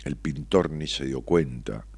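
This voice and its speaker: Middle-aged Argentine man, motivational monologue, expressive and salty, dry close sound. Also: very deep voice, unhurried, creaky, husky, no echo. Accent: Argentine Spanish. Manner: expressive, salty, peppered with tag questions. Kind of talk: reflective spoken monologue.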